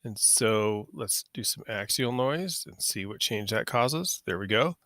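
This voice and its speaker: Male screen-tutorial instructor, lowish bright voice, casual and methodical, dry close recording. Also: expressive, measured pace, no room sound. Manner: casual, talks through each click, self-correcting. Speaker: software instructor.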